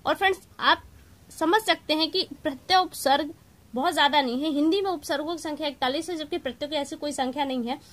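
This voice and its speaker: Woman, high-pitched, teacher, exam-prep lesson, patient explaining, reading word lists. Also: fast talker, a bit bright. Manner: explanatory, reads word lists aloud, addresses viewers as friends.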